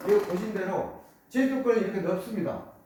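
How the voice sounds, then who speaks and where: A man's voice: sits high, fairly quick, slight background noise. A man giving a public lecture on folk objects, pointing things out as he explains them. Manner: explains while pointing to objects, many repeated "이렇게"; lively, rising and falling delivery. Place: lecture hall. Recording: very echoey hall, speaker far off.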